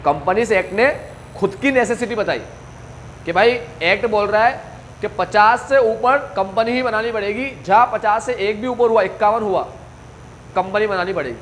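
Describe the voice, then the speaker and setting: High-voiced man teaching a coaching class, drilling students with questions and answers. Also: moderate pace, a bit bright, a little hiss or hum. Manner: talks straight to students, asks questions and answers them himself. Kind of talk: classroom lecture.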